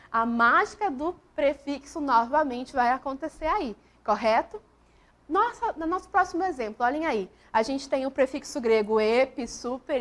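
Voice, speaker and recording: A woman teaching a school grammar lesson, walking through examples step by step and often putting questions to the class. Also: sits high. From Brazil.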